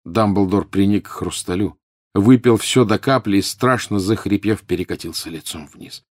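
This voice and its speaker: A man reading scripted audiobook narration in a steady, measured way. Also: on the low side, dry recording, clean studio sound.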